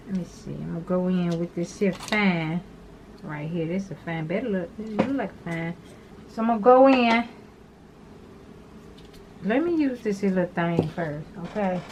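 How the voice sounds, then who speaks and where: A woman chatting through a nail tutorial at home, talking straight to her viewers and rambling as she repeats herself. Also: fairly low pitch. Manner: talkative, addresses viewers as "girl". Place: small home room with an overhead fan. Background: fan hum.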